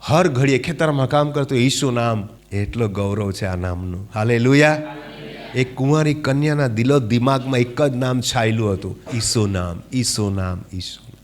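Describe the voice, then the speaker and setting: A male preacher delivering a fervent sermon. He keeps asking his listeners questions and calling for claps and hallelujahs, dropping to a hush and then rising loud again. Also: medium pitch, normal speed. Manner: calls for claps and hallelujahs, asks the congregation questions; dramatic swings from hushed to loud.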